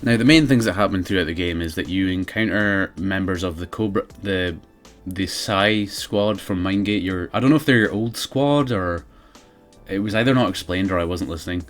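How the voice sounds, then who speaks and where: A man's voice: deep voice, normal speed, soft background music. A man giving casual, sardonic, sweary comedic commentary as a video game reviewer.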